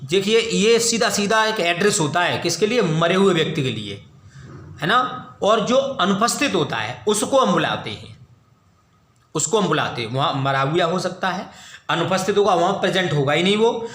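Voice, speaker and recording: A man gives an English lesson, explaining each point in Hindi and stopping to ask questions he answers himself. His voice sits high and has a bright, forward ring. It echoes off the walls of the room he teaches in. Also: expressive. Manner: explains in Hindi, reads English definitions slowly; calls students "beta". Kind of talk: classroom lecture.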